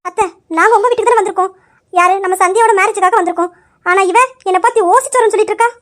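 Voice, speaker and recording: A woman's voice: extremely high pitch, steady tone, rapid-fire. A woman playing a sneering spoiled young woman. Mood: complaining. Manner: taunting, scornful. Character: rude spoiled young woman guest, sharp-tongued. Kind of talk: amateur Tamil story drama.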